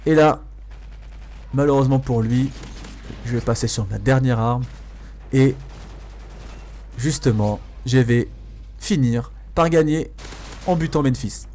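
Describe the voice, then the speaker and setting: A man's voice: medium pitch, measured pace, long pauses, a little mellow. A man giving casual, amused gameplay commentary as a video host, hesitating and repeating phrases for emphasis. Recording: faint noise, game sounds behind.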